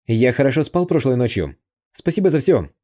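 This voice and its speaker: A man voicing a calm, polite young male hero in an audiobook, measured and courteous. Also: medium pitch. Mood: grateful. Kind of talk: audiobook character voice.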